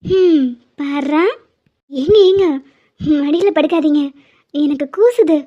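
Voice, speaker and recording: A woman voicing a playful, teasing pregnant young wife in an animated cartoon. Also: high-pitched, slow, muffled recording. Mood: affectionate. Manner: teasing, bossy, affectionate.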